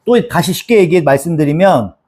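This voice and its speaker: A man's voice: on the high side, lively intonation, fairly quick, a little mellow. A man preaching a sermon in a conversational, repetitive style, acting out quotes as he explains scripture. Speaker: pastor.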